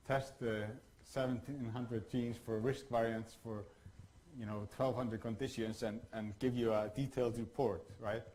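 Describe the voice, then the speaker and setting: A man from Iceland giving a workshop lecture, talking in a halting way with many fillers and restarts. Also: medium pitch, a little mellow, a little hiss or hum, rough recording.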